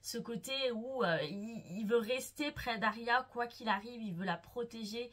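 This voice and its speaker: A young woman chatting casually about her favorite books, gushing and playful, swooning over the characters she loves. Her voice sits a little higher than most. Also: measured pace, a bit bright. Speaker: book vlogger. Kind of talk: casual enthusiastic book chat.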